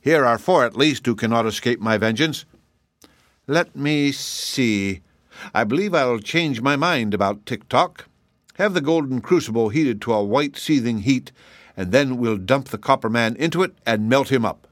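A man voicing a cruel, quick-tempered male gnome king who roars and snarls his threats. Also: mid-range voice, lively intonation, a bit bright, no room sound, lightly acted. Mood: menacing.

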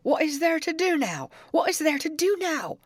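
A woman voicing a pious old male servant, high and wailing in horror, read as part of a storybook. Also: big pitch swings, unhurried, dry recording, clean studio sound. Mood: frantic.

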